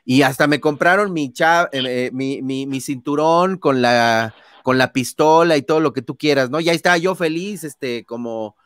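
Animated Mexican man telling stories. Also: fairly high pitch, normal speed, hardly any pauses, dry recording, clean studio sound. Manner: animated, acts out scenes with sound effects; frequent tag questions and fillers. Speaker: guest, son of a famous singer. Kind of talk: casual interview storytelling.

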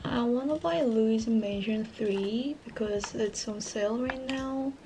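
Chatty young woman, slightly high voice. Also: measured pace, background noise. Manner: chatty, listing new things. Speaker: vlogger. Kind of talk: casual vlog voice-over.

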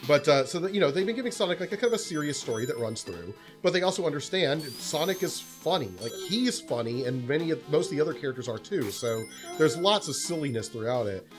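A man's voice: a little high, lively intonation, quick pace, few pauses, over music. A man co-hosting a casual gaming chat, rambling with many fillers and easy laughs. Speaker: podcast co-host.

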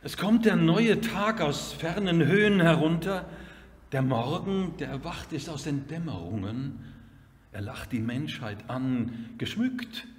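Older man reciting poems slowly, reverberant. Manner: measured, lilting, with lively pitch. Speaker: gallery owner reading poems. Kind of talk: slow, expressive poetry recitation. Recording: long hall reverb.

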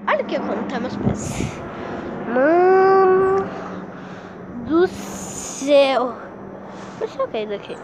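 A woman's voice: high-pitched, lively intonation, slow pace, pauses often, very noisy. A woman with a Brazilian accent vlogging casually at home, dramatic and exclaiming, repeating words for effect. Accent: Brazilian Portuguese. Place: at home, moving between rooms and garage.

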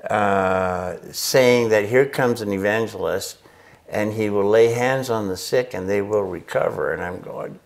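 A man's voice: on the low side, unhurried, creaky. An older man, a missionary who grew up in Chile, telling his story in a casual interview and acting out his own reactions with laughs. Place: indoor workshop with a pegboard wall. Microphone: lapel mic.

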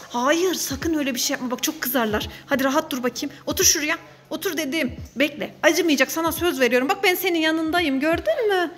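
Woman, high voice, rapid talk, bossy and teasing, family vlog skit, echoey hall, faint music. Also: fairly bright tone. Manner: bossy, teasing, coaxing a child. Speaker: vlog host playing a mother.

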